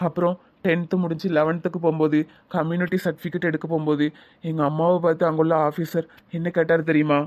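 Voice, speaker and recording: A man's voice: a little high, flat delivery, quick pace, close to an everyday voice. A man voicing a troubled, jobless young man in a cartoon, with heavy, regretful talk in a Tirunelveli Tamil accent. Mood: hurt. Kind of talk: cartoon voice acting.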